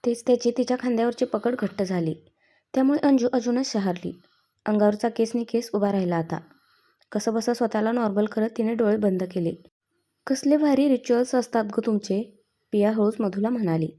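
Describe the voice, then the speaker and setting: A woman's voice: on the high side, warm tone. A woman reading a story aloud in scripted narration, speaking every character's lines in her own voice. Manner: reads all the dialogue in her own voice.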